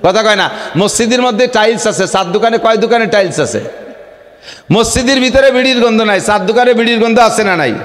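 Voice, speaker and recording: High-pitched preacher with a booming echo. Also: male voice, brisk. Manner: swings between low confiding asides and loud shouted preaching. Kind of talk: humorous Islamic sermon.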